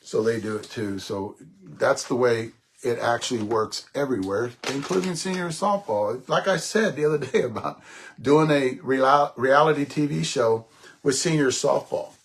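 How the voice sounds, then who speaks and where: A man's voice: medium pitch, moderate pace, slight background noise. A man in his sixties hosting a podcast in a rambling, casual monologue, often repeating himself and swearing offhandedly. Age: 60s. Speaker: podcast host.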